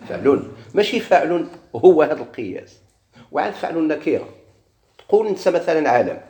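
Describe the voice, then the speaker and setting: A man's voice: on the high side, very animated, fast, warm tone. A man with a Moroccan Arabic accent teaching a grammar lesson, asking questions and answering them himself, repeating key words. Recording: echoey room with faint noise.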